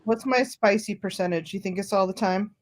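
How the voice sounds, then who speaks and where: A woman's voice: medium pitch, a little fast. A woman in her forties, a guest in a casual live-stream chat, snarky and sarcastic, laughing often. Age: 40s.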